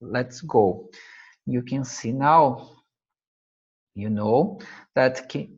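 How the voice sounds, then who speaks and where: The slide-based math lesson comes from a Brazilian man whose first language is Portuguese. He speaks with a Brazilian Portuguese accent, halting often and leaning on fillers as he searches for English words. His mid-range voice is a little mellow with a breathy edge, and the highs are cut off.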